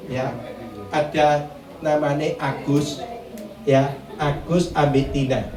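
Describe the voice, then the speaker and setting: A male pastor giving a lively, joking sermon, often asking the congregation questions. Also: sits high. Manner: lively, jokey, asks the congregation questions, mixes in Javanese. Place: church. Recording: echoey church hall, mic at a distance.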